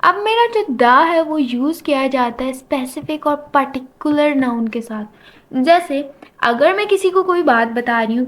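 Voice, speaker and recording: A woman with a high, slightly bright voice gives a grammar lecture in a classroom. She explains things step by step, slipping English terms into her talk.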